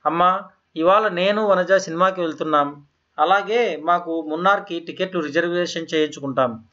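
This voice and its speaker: A man's voice: sits high, moderate pace, fairly bright tone. Young married guy read by the narrator, plain and matter-of-fact, kinda dull audio. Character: young newly married son, easygoing.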